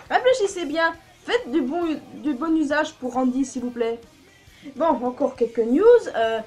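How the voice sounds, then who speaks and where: Woman, high voice, blunt casual vlogger giving her opinions, light swearing, faint music under. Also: a little mellow. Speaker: YouTuber. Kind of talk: casual news commentary vlog.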